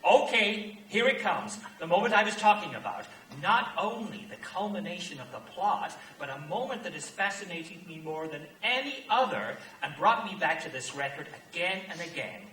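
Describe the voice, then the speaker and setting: A man's voice: sits high, expressive, moderate pace, hardly any pauses, bright, forceful tone. An actor playing a wistful male theater fan who chats and muses to the audience. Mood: eager. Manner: chatty and confiding, musing aloud. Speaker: narrator of the musical. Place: theater stage. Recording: echoey stage from far off, light noise.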